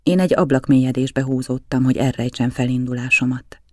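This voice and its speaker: A man reading a novel aloud in measured, even storytelling narration. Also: medium pitch, no echo, studio quality. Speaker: audiobook reader.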